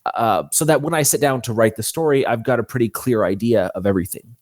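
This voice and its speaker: A man appearing as an author guest in an interview explains his method in a casual, matter-of-fact tone. His mid-range voice is a little mellow and moves fast, giving it the feel of an easygoing conversation.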